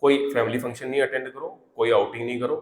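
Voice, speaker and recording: A man's voice: medium pitch, fairly even intonation. A man giving exam preparation tips in a casual, conversational way, often adding little check-in fillers. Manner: conversational, repeats fillers like "theek hai" and "hai na"; reads English notes aloud slowly, word by word. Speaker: exam prep teacher. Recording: echoey room.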